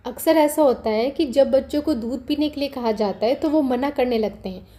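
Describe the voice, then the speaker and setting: A young woman with a high voice gives a patient lesson, explaining in Hindi. She says each short English phrase slowly and clearly, then repeats it with its meaning. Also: warm tone. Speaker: teacher of English phrases for parents. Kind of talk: scripted lesson.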